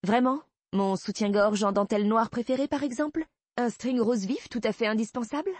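A sassy young woman, as the narrator puts her on, stubborn and teasing, her voice lifted high and bright. Slightly breathy and dry, like a close storybook read. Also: animated, normal speed, no echo.

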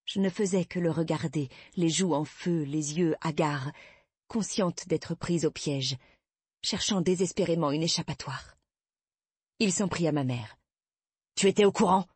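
A woman narrating a literary audiobook in first person, measured and intimate. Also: deep voice, darkish tone, slightly rough, no echo.

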